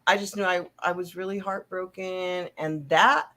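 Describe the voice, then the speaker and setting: A woman hosting a casual interview, talking in an emotional, expressive way and laughing easily. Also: lowish voice, moderate pace. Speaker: host.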